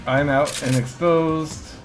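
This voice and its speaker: A man's voice: on the high side, fairly even intonation, takes it slowly. A man giving casual, sweary gameplay commentary and reading the game's text aloud as he plays. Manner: casual, profane. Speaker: video game player narrating playthrough.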